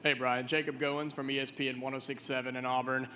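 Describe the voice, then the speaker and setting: A man's voice: mid-range voice, level tone, fast talker, bright, forceful tone. A male radio reporter asking a coach a direct question at a press conference. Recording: hall reverb with faint room noise.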